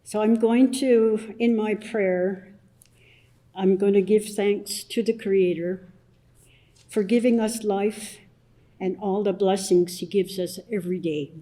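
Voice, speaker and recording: In poor audio, an older female elder of the Blood Tribe, southern Alberta, Canada, offers an opening blessing and explains the smudge ceremony she leads at a public assembly. Her voice is lowish and mellow, her tone steady, and her gentle speech comes slowly, broken by many pauses and restarts.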